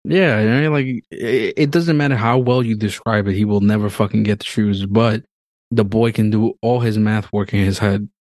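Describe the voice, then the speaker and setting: Laid-back low-voiced man, profane banter. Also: fairly even intonation, normal speed, a little mellow, no room sound. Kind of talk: casual chat.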